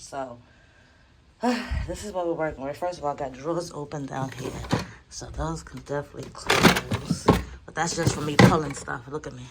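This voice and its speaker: A woman with a New York accent, chatting casually through a makeup vlog while sorting her brushes at home, her morning voice low. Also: noisy background. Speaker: beauty vlogger. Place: home room.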